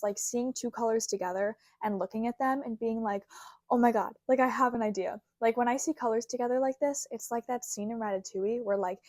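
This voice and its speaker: Over a dry, darkish clip-on mic with no room sound, a young woman who creates crochet content chats bubbly and rambling in a casual vlog. Her voice sits in the mid range, leans heavily on "like," and still shows traces of a cold and sore throat she's recovering from.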